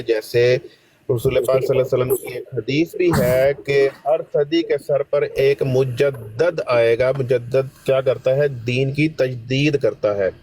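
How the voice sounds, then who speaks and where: A man in a religious debate makes his case politely but firmly. He often uses religious honorifics. His voice sits at an ordinary middle pitch. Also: a little mellow, poor audio. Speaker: debate participant.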